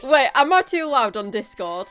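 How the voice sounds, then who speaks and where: A woman's voice: high voice, sing-song, normal speed, a bit bright, faint music behind. A woman streaming with friends on a voice call, reading posts aloud in a giggly, sarcastic way, her mic clipping and crunchy with distortion. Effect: clipping, distorted mic peaking. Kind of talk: casual chat with friends over voice call.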